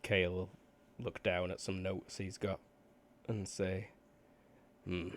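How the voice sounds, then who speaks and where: A man running a tabletop game as game master, narrating in a relaxed way over voice chat. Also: deep voice, unhurried.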